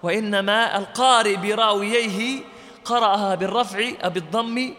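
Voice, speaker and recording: A man's voice: high-pitched, fairly even intonation, a little fast, bright, forceful tone, big-room sound. A man teaching a Quran recitation lesson, explaining terms step by step and quizzing his listeners with questions. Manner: chants short verse quotations in lesson. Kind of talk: classroom lecture.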